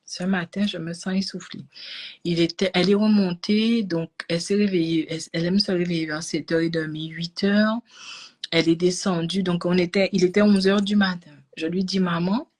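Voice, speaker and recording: A woman tells a personal story to a live audience, swinging between loud bursts and hushed whispers. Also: fairly low pitch, fairly even intonation, normal speed. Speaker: energy healing coach.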